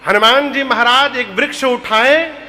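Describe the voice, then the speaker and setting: Telling rustic jokes and stories in a lively way, this high-pitched preacher gives a funny devotional sermon at a measured pace. His Hindi carries a Bhojpuri tinge, and the hall echoes, with music in the background.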